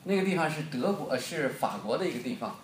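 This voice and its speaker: A man's voice: mid-range voice, lively intonation, quick pace, echoey room, a little hiss or hum. Beijing-accented man telling a sermon story. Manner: joking, quizzes the audience.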